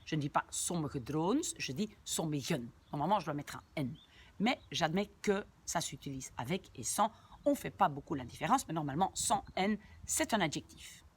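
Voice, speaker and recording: Woman, language teacher, lower voice, lively pitch, patient word-by-word explaining. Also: normal speed, slightly rough. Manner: patient, repeats and translates word by word; chatty asides to viewers. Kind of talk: language lesson explaining a sentence.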